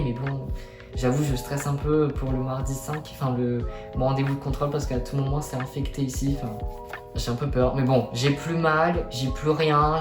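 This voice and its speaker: A young man talks casually to his viewers at a medium pitch. He tells his story in a colloquial, self-deprecating way. The room rings with noticeable echo, and music plays behind him. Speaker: vlogger. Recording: echoey room.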